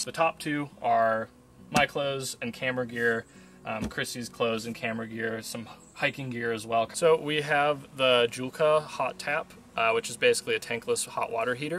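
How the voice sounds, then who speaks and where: Showing off the camper van he owns in the woods, a young man speaks to camera in a relaxed tour. He has a North American accent and a medium-pitched, fairly bright voice.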